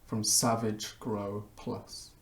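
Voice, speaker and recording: Hammy, slow-paced man reading dramatically, echoey room. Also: on the low side, little pitch movement. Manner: hammy, theatrical stage-actor delivery with dramatic pauses and swells. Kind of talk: dramatic reading of a spam e-mail. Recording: echoey, roomy sound.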